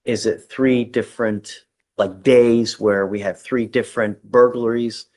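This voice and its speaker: A man's voice: mid-range voice, fairly even intonation, unhurried, darkish tone. A male judge presiding over a hearing in a courtroom, plain-spoken and conversational, with a joking side.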